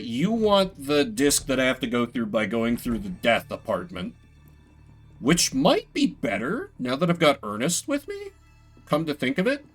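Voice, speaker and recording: Here the same kind of streamer has a mid-range voice with a fairly bright tone. His talk is loose, rambling gameplay commentary, mixing read-out game text with teasing mock-grandiose asides.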